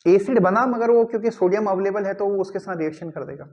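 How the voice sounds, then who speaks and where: A man's voice: high-pitched, darkish tone. A male chemistry teacher lecturing a class, constantly checking whether students follow and slipping English phrases into his teaching. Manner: keeps checking understanding with quick repeated questions.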